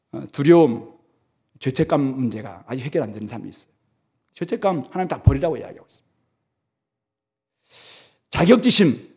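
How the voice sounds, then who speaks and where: A man's voice: fairly high pitch, breathy edge. A middle-aged male pastor preaching a sermon in a conversational way, acting out short scenes. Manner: conversational, acts out voices of God with shouted mock commands.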